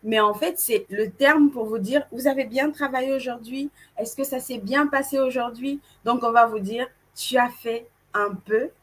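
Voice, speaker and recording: A woman from Cameroon co-hosting a live event, telling stories to the audience in a playful, animated way. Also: fairly high pitch, moderate pace, few pauses. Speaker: event co-host. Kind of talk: casual presenting to an audience.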